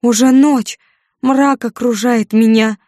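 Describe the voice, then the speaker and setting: A dying young woman who wails and curses in a high, strained voice, as a woman narrator puts her on. Her outbursts come slow and heavy, dark in tone and set against a dry, close studio sound. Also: steady tone, no echo. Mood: faint, grieving. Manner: wailing, high and loud.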